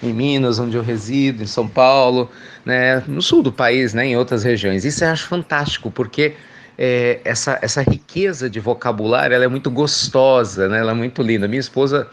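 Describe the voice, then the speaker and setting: A man's voice: medium pitch, a little fast, a little hiss or hum. A middle-aged Brazilian man giving an informal spiritual reflection, talking chattily and often asking rhetorical questions. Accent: Brazilian Portuguese. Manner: chatty, warm, peppered with rhetorical tag questions. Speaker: spiritual speaker.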